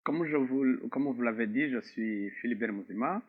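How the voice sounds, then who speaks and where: A middle-aged man from Rwanda, an interview guest giving a measured, grave personal testimony with frequent pauses. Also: mid-range voice. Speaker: interview guest, author and survivor. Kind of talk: slow, reflective personal testimony. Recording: tinny phone-like sound.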